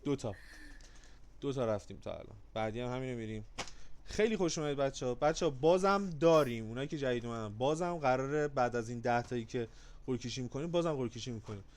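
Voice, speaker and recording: A man hosting a livestream giveaway in casual, joking chat. He swings between loud, drawn-out shouts and low, quick mutters. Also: a little hiss or hum.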